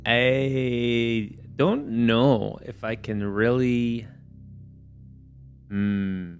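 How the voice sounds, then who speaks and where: A man chats as a player in a fantasy tabletop game. He improvises casually in a medium-pitched voice over background music. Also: steady tone, very slow.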